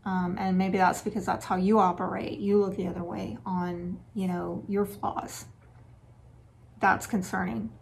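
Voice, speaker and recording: A woman's voice: medium pitch, level tone, unhurried, creaky, darkish tone, slight background noise. Frank woman giving dating advice. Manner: frank, conversational, lightly sarcastic. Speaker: relationship and dating advice host. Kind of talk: casual advice talk to camera.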